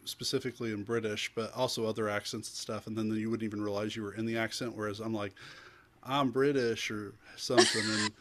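Male host, teasing and jokey, lowish bright voice. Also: level tone, fast, hardly any pauses, a little hiss or hum. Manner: joking, teasing. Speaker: podcast host. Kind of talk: casual interview chat.

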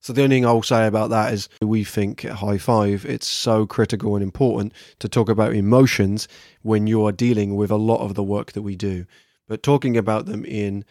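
A man's voice: lowish voice, steady tone, fairly quick, a little mellow, dry recording, studio quality. A man from England with an English accent, talking casually and candidly as a solo podcast host reflecting on his work. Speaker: podcast host, workshop trainer.

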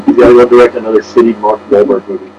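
A man's voice: medium pitch, huge pitch swings, fairly quick, a little mellow, slight background noise, rough recording. A man guest on a podcast, chatting casually and telling stories with wry, dry asides. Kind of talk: casual comedic chat.

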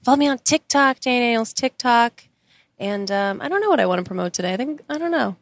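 A woman's voice: on the high side, animated, quick pace, dry recording. A woman co-hosting a podcast in casual chat, enthusiastic and chatty, and losing her voice. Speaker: podcast co-host.

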